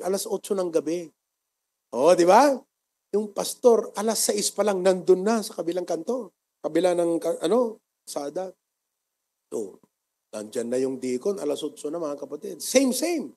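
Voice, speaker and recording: Man, Filipino accent, pastor, sermon, high-pitched, animated storytelling. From Philippines. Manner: storytelling, mixing Tagalog and English, lively bursts then soft asides.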